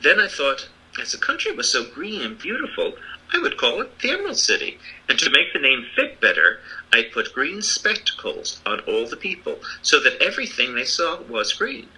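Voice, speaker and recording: Storybook wizard, male reader acting: elderly kindly fraud, earnest and apologetic, sharp bright tone, lively intonation. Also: mid-range voice, moderate pace, breathy edge, full character voice, low-quality recording. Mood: confiding, explanatory. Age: older. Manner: earnest, explanatory. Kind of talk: storybook reading.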